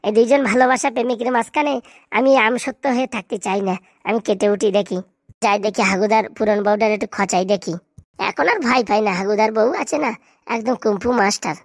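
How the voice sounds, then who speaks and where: A woman's voice: fairly high pitch, fairly quick, no echo, studio quality. A woman voicing a mischievous young male prankster in a Bengali cartoon, speaking with a Bengali accent and making teasing, scheming asides to viewers. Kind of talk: comic cartoon voice acting.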